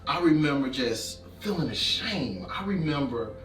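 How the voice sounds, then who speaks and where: A man's voice: a little high, expressive, normal speed, a bit bright. Emotional man, echoey and distant. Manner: emotional, rising to impassioned repetition. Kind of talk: heartfelt spoken tribute. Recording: echoey room, distant mic, faint music.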